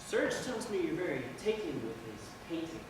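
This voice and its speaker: A man's voice: high voice, very animated, brisk, noisy background. A man playing a sarcastic, needling skeptic in a stage play, recorded from far off on an echoey stage.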